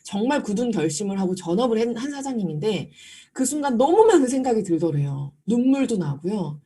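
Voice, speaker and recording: A woman's voice: a little high, brisk, slightly rough. A woman giving a storytelling lecture at a business seminar, speaking directly to the audience. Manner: animated, acts out quoted dialogue.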